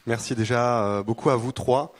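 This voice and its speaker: A man's voice: medium pitch, steady tone, moderate pace, a faint crowd. A man moderating a panel discussion, speaking hesitantly with many fillers.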